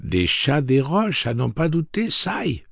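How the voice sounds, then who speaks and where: A man's voice: a little high, sing-song, slow, creaky, fairly bright tone, no echo, clean studio sound, voice pushed up, full character voice. A man voicing a prissy, condescending male robot with a suave, slightly effeminate manner, read as an audiobook character voice. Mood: smug.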